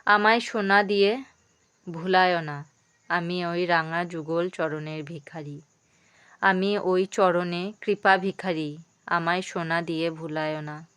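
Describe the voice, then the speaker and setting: A woman voicing a humble, devoted male boatman who pleads with his lord in a slow, smooth voice. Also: lowish voice, fairly even intonation, fairly bright tone, no room sound. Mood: pleading. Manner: pleading, devout.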